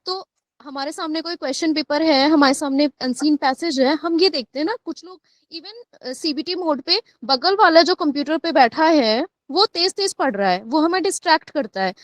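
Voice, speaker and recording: High-voiced woman sharing in an online class. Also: lively intonation, normal speed, dry recording. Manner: shares points at length, switching Hindi and English. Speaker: participant.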